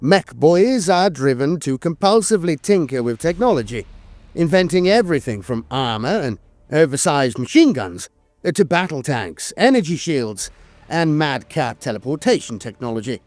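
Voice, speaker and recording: With music playing behind him, a male narrator reads scripted lore about fantasy wars, theatrical and deliberate, with pauses and hesitant fillers. His pitch is fairly high, his delivery sing-song, and his tone darkish, with no echo.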